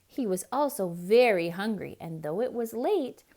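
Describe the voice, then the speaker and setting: A woman with a mid-range voice reads a picture book aloud to young children at a moderate pace. She's a dramatic, expressive storyteller who adds explanatory asides.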